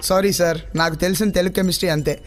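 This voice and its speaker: A man's voice: sits high, steady tone, rapid-fire, very noisy, natural voice. An actor playing a hesitant, apologetic scientist who mixes English into his explanation, in dubbed film dialogue. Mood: explaining.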